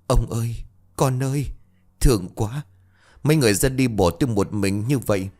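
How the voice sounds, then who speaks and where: A man's voice: on the low side, lively intonation, normal speed. A man voicing a grieving middle-aged village widow who pleads and wails through tears. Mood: wailing grief.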